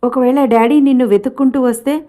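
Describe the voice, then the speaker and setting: A woman's voice: high voice, fairly even intonation, a little fast, dark tone, pitched above the performer's own voice, lightly acted. A woman voicing an anxious young daughter. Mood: pleading.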